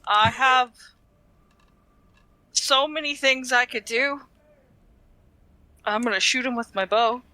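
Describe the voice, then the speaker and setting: A woman's voice: on the high side, slow pace, pauses often, sharp tone, dry recording. A woman chatting casually as a player in a tabletop game, hesitantly thinking aloud. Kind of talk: casual chat during a game.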